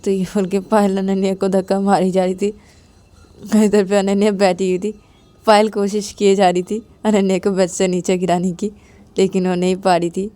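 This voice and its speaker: A woman's voice: medium pitch, flat delivery, normal speed, warm tone. A woman narrating a romance story in a casual, repetitive way.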